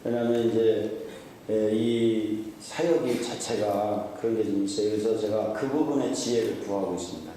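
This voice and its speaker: A man preaching as a pastor at a conference, playful, often quizzing the congregation with quick questions. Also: fairly low pitch, warm tone, slight background noise. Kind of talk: sermon at a conference. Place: large church hall. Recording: echoey hall from far off.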